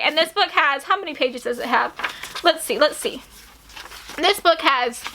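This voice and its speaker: Young woman book vlogger, high bright voice, gushing, voice a bit worn. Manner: gushing, excitable, addresses viewers as guys. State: starting to lose her voice. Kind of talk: casual book review chat.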